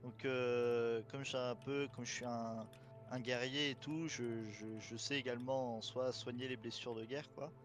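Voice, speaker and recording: Halting male tabletop player over music. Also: medium pitch, steady tone. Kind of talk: casual tabletop role-play chat. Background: background music.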